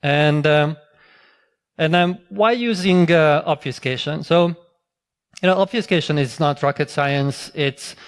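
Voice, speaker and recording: A middle-aged man from Hungary giving a technical conference talk, relaxed, with many fillers and restarts. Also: fairly high pitch, a little slow, smooth. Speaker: conference speaker. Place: conference hall.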